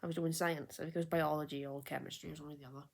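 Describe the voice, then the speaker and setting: Talking very fast in a low, flat, gravelly voice with a slightly mellow quality, this woman in her twenties rambles through a personal story on her vlog, full of restarts and self-corrections. She's recorded by a camera placed a little far away.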